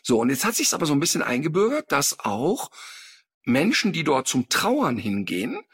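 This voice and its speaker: A man's voice: on the high side, normal speed, slightly rough. A middle-aged man telling stories in casual chat as a podcast co-host, acting out the voices he quotes. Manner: animated storytelling, acts out quoted voices.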